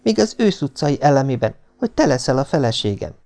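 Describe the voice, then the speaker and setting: A man's voice: mid-range voice, big pitch swings, darkish tone, faint music behind, voice pushed up. A man voicing a proud, touchy little schoolboy who talks in a stiff grown-up way, in an audiobook reading. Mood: earnest. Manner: earnest, stiffly grown-up, hurt pride. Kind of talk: audiobook character voice.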